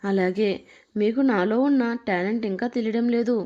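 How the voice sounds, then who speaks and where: A woman's voice: fairly high pitch, moderate pace, close to an everyday voice. A woman doing a bragging young man, raised voice. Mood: boastful. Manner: boastful, mock-indignant. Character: boastful young man bragging about his singing. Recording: dull lo-fi recording.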